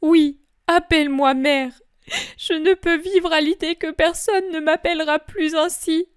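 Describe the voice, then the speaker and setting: A woman's voice: extremely high pitch, steady tone, unhurried, no room sound, studio quality, pitched above the performer's own voice. A woman voicing the grieving mother of Jesus, imploring and sobbing in a breaking voice, in a dramatic religious reading. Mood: pleading.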